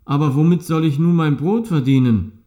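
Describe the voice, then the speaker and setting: A man's voice: fairly high pitch, normal speed, warm tone, close to an everyday voice. A man reading a fairy tale, voicing an old, exhausted male hunting dog who laments. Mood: müde. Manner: tired, lamenting.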